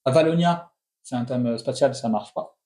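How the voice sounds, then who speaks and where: A man's voice: medium pitch, dark tone. A man in his thirties hosting a casual film critique, talking in opinionated bursts full of restarts. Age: 30s. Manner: opinionated, talks in quick restless bursts with many restarts. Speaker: film review host.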